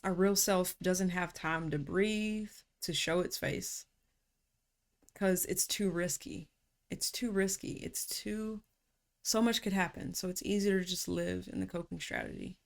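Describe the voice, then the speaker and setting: A woman coach giving a calm, reflective talk on rest and trust, unhurried and slipping into casual slang. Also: on the low side, vocal fry. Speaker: personality typology coach.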